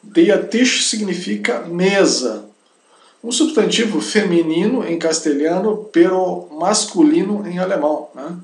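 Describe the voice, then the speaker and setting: A German teacher gives a slow spoken language lesson in a high, slightly mellow voice, animated yet measured in pace. He repeats each word several times and checks in with small tag questions, all in a roomy, echoing space.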